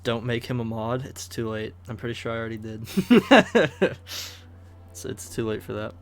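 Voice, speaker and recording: A man's voice: mid-range voice, expressive, normal speed. A man streaming a video game, talking in a laid-back, joking way and chatting with viewers. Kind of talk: casual gameplay commentary.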